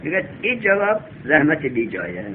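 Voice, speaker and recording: A male teacher giving a classroom lesson, reading a text slowly aloud, then explaining it and quizzing his students. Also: on the high side, wildly swooping pitch. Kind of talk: classroom lesson on Arabic grammar. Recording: tinny lo-fi recording with faint hum.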